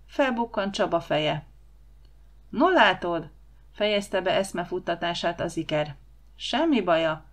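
A middle-aged woman reading a children's novel aloud as an audiobook narrator, giving the dialogue lively character voices. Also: on the low side.

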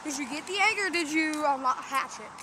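A young woman hosting casual gameplay chat outdoors, excitable and jokey. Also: high-pitched, moderate pace, background noise. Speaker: channel host playing a mobile game. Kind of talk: casual chat while walking.

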